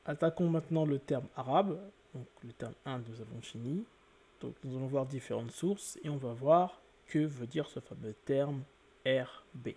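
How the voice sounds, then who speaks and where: Mellow-voiced man lecturing methodically. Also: medium pitch, normal speed, breathy edge. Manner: methodical, repeats points with "hein" and "donc". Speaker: video lecturer on word origins. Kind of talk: explanatory lecture.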